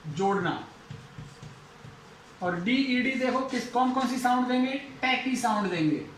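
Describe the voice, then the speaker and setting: Slow, repetitive Indian male teacher. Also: very high voice, lively intonation, echoey room, a little hiss or hum, rough recording. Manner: slow, repeats each example several times. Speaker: English teacher. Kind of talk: classroom phonetics lesson.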